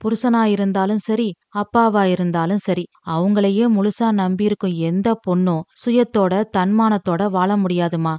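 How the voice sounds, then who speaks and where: A woman reading a storybook, voicing a grieving, humble middle-aged mother who speaks in a soft, sorrowful tone. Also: mid-range voice, fairly even intonation, moderate pace, dry recording, lightly acted. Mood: rueful.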